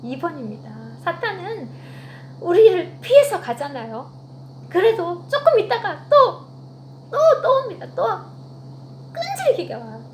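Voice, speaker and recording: Her voice is very high-pitched and sing-song, a little slow, with long pauses. This woman, a children's ministry teacher, tells a children's sermon story with animation and asks the children questions, recorded in an echoey room with a faint hum.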